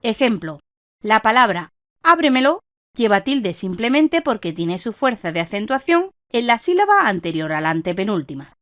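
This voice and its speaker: A woman reading a scripted instructional lesson in a measured, didactic way, stressing each example word. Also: a little high, big pitch swings, a bit bright, no echo, clean studio sound. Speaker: online course narrator.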